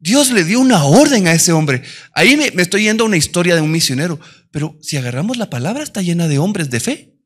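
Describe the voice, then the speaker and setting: Man, high-pitched, church sermon, storytelling, quiet to emphatic. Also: big pitch swings, fast talker. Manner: storytelling, swings from quiet to loud emphatic preaching. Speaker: preacher.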